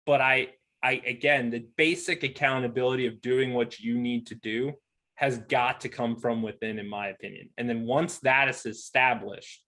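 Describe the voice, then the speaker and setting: A man's voice: mid-range voice, steady tone, normal speed, sharp tone. A man leading a real estate team, giving an earnest motivational talk on a podcast, often restarting his sentences. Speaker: brokerage leader, podcast co-host.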